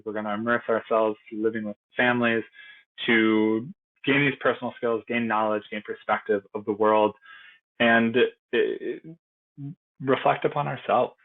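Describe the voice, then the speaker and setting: A man working as a program instructor, giving an earnest, conversational informational presentation. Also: medium pitch. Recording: tinny phone-like audio.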